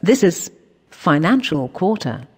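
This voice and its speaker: A voice playing an automated on-board train announcer, giving formal subway-style announcements in measured, segmented phrases. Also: medium pitch, very animated, darkish tone, breathy edge, full character voice. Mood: calm, formal. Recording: noisy train carriage ambience. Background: train and vehicle noise.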